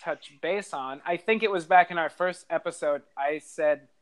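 A man's voice: a little high, normal speed. Rambling man on a podcast call. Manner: rambling, hesitant storytelling with many fillers. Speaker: podcast co-host. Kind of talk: casual chat.

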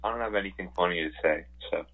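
A man's voice: sits low, quick pace, vocal fry, fairly bright tone, poor audio. A young man grumbling and joking casually as a podcast co-host on a call. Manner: grumbling, mumbly, self-mocking.

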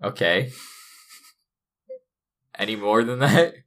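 Young male co-host, playful and mock-serious, bright tense tone, low-ish pitch. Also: expressive, slow pace. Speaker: podcast co-host. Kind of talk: casual comedic chat.

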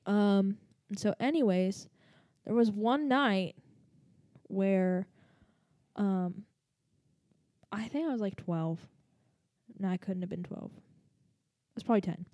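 A woman's voice: mid-range voice, takes it slowly, warm tone, dry recording, studio quality. A woman with a slight lisp, telling a story in a casual, rambling way with lots of fillers and asides.

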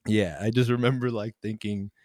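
A man's voice: on the low side, fairly even intonation, moderate pace, darkish tone, no echo, studio quality. A young man co-hosting a podcast, telling a long story in casual chat, rambling and laughing as he goes. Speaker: podcast co-host, band member.

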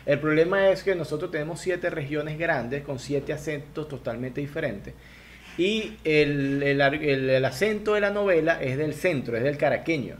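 A man's voice: on the high side, normal speed, a little hiss or hum. A man from Venezuela with a Lara-region Venezuelan accent, a stand-up comedian chatting as a guest in an interview. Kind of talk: casual interview chat.

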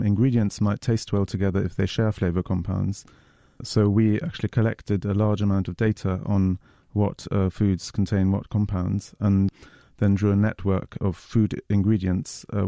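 A male researcher explaining his work in a measured way on a science radio show, with frequent small restarts. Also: on the low side, creaky, dark tone, no room sound, studio quality. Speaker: researcher guest.

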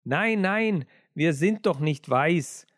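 A whiny male mouse in a storybook, played by a man, grumbling but quick to back down. The voice is raised high, close and dry. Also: animated, dry recording.

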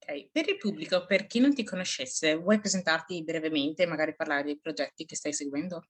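A woman's voice: low voice, brisk, slightly rough. A woman co-hosting a podcast in casual chat, with a playful, teasing manner. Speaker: podcast co-host.

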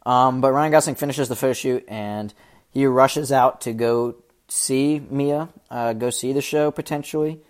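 A man's voice: mid-range voice, a little slow. A man giving casual, scene-by-scene film commentary, chatty and loose with lots of fillers.

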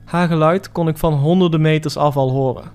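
Man narrating a horror story, slightly high. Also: fairly even intonation, a little mellow, smooth, faint music behind. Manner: measured, dramatic first-person storytelling. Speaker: podcast narrator.

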